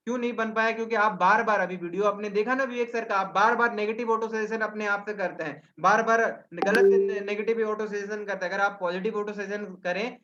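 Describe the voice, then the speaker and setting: A man with a high voice gives a webinar lesson. He keeps posing questions and answering them himself, tagging on check-in questions. The audio comes through a dull, lo-fi video call. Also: steady tone, fairly quick, few pauses, sharp tone. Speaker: webinar trainer. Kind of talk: explanatory teaching talk.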